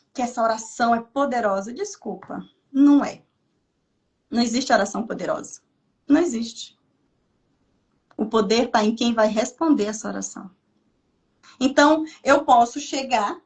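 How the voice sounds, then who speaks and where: High-voiced Brazilian woman telling a testimony. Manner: animated storytelling, acts out her own inner dialogue. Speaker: missionary guest. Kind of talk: testimony in a podcast conversation.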